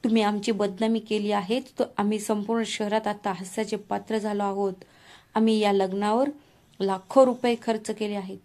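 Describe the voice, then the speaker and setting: A woman voicing a furious middle-aged mother of the groom, loud and accusing in a storybook reading. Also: mid-range voice, little pitch movement, moderate pace, natural voice.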